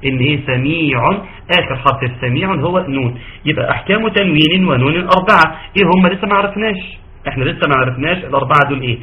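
A man's voice: a little high, muffled recording. An Egyptian man teaching an online tajweed lesson, quizzing his students and praising their answers. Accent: Egyptian Arabic. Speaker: Quran recitation teacher.

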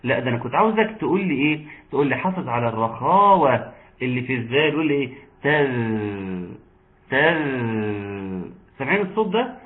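A man with an Egyptian accent teaching Quran recitation in an online lesson. He explains patiently and chants verses slowly. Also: fairly high pitch, animated. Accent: Egyptian Arabic. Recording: tinny phone-like line.

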